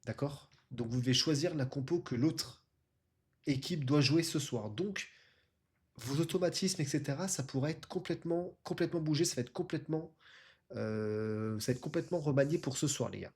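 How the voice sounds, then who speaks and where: A man's voice: fairly high pitch, normal speed, a little mellow. A man casually presenting and commentating live on an online football tournament as its streamer and host.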